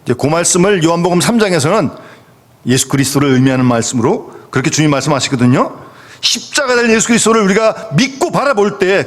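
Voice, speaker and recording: A male pastor preaching a sermon emphatically, with rhetorical questions to the congregation. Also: on the high side. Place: church sanctuary. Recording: reverberant church hall.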